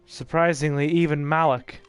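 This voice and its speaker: A gaming streamer from England, with an English accent, casually commentates a horror game and chats to his viewers in a laid-back way. His fairly high voice stays steady at a normal pace, with faint music behind him.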